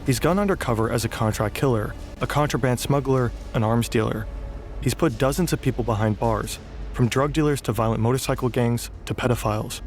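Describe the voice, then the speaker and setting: A man giving scripted documentary narration with a dramatic, measured delivery. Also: medium pitch, slight background noise.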